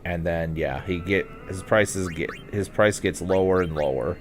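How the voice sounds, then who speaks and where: A man's voice: deep voice, a little slow, soft background music. A man narrating a video game walkthrough as a guide, talking in a casual, conversational way.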